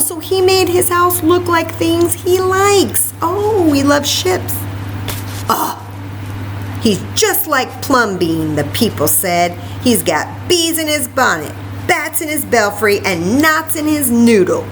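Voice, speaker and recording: At a children's library story time, a woman reads a picture book aloud, tossing animated, exclamatory asides straight to her young listeners. Her voice is high and slow, and the rough recording has a little hiss or hum.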